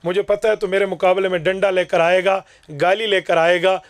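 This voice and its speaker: High-pitched fiery male preacher. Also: level tone, dry recording. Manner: forceful, declaiming, acts out dialogues. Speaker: Islamic preacher. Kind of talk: fiery sermon to a gathering.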